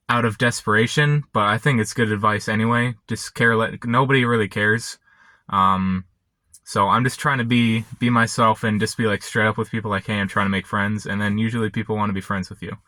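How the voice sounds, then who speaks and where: A young man chatting casually and unscripted to camera, halting and often interrupting himself as he rambles. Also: lowish voice, bright, forceful tone, no echo. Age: young adult. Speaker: vlogger. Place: inside a parked car. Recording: background noise, vehicle ambience.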